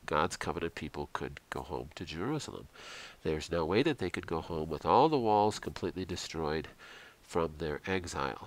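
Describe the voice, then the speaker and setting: A middle-aged chiropractor with a very low voice narrates a slideshow health lecture for a health program. He sounds earnest and instructive, filling his speech with frequent ums.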